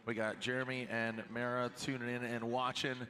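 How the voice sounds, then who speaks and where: A man's voice: mid-range voice, flat delivery, normal speed. A man announcing live motorsport with emphatic, hype-heavy commentary. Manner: hype-heavy, emphatic phrasing with shout-outs.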